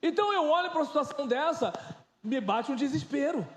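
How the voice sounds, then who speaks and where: Pastor, man in his 30s, very high voice, animated and joking, informal sermon in an echoey church. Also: fast. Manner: animated, joking, shifts into loud and soft.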